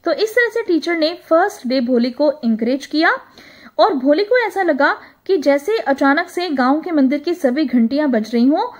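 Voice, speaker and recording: A woman with a high voice reads a story aloud like a teacher. She gives each English line slowly, then retells it in Hindi with many small hesitations. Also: lively intonation. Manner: frequent hesitation fillers. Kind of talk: reading a story aloud and explaining it.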